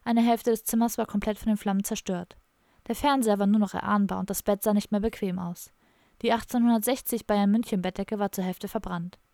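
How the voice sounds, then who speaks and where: Gravelly-voiced woman reading a comic audiobook. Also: medium pitch, fairly even intonation, a little fast, warm tone, dry recording, clean studio sound. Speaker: audiobook narrator. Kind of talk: scripted audiobook narration.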